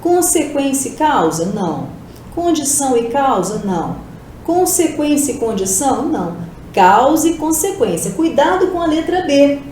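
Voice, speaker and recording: A woman from Brazil teaches an exam-prep lesson with a high, lively voice that rises and falls a lot. Her tone is mellow and a little dark. She asks herself questions and answers them, and a strong room echo rings around every word over a faint hiss. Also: normal speed. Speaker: Portuguese teacher.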